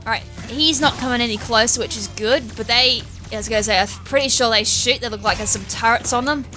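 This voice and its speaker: Bright, excitable Australian woman gamer. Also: fairly high pitch, fairly quick, faint music behind. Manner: excitable, chatty, self-mocking. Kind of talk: let's play commentary.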